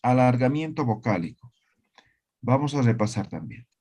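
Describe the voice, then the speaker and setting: A man teaching a language class online, slowly repeating words and often checking that students follow. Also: mid-range voice, animated, a little mellow, a little hiss or hum.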